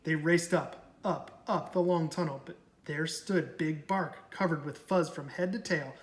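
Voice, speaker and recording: A woman narrating a children's picture book aloud in a slow, expressive manner. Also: low-pitched. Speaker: storybook reader. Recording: echoey room.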